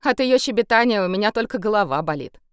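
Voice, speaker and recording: A woman reading a tired calm nobleman, dry weary manner, lively intonation, audiobook character. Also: mid-range voice, quick pace, clean tone, no room sound, pitched above the performer's own voice, natural voice. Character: tired, level-headed male noble, the emperor's cousin.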